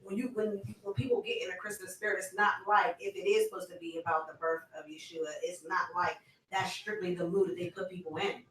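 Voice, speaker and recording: A man's voice: sits high, steady tone, brisk, pushed and bright, recorded from a distance. A man in casual religious discussion, chatting loosely with lots of filler words and sharing a personal testimony. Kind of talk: casual chat. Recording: roomy, off-mic, faint noise.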